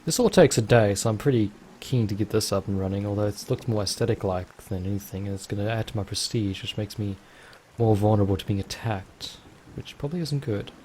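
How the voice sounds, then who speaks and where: A man's voice: fairly low pitch, a little fast, darkish tone, slight background noise. A man casually commentating his own gameplay, rambling and thinking aloud. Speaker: let's play host.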